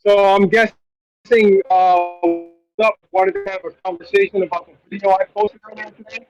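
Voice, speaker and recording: A high-voiced man talking casually from a truck cab into a bad mic. The connection is garbled and hard to make out, as noise suppression chews at his words. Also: fairly even intonation, normal speed, dull audio, music in the background. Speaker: online debate caller. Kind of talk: casual chat. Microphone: poor mic with noise squelching.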